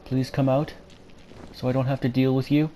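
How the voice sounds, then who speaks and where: A man's voice: mid-range voice, level tone, normal speed, warm tone. A man with a dry throat streaming a horror game, uneasily muttering and swearing at the characters as he comments casually. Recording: faint background game ambience noise.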